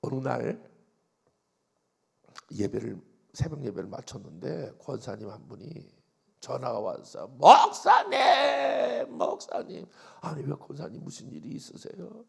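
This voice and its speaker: An older man preaching a revival sermon as pastor, telling stories and swinging from loud outbursts to hushed asides. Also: mid-range voice, very animated, unhurried, vocal fry, husky. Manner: storytelling, acts out quoted voices, swings from loud to hushed.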